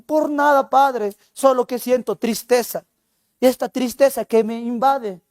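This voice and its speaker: A male teacher voicing a sad young Inca princess who speaks softly and mournfully, afraid of her father. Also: extremely high pitch, steady tone, measured pace, no room sound, clean studio sound. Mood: sorrowful.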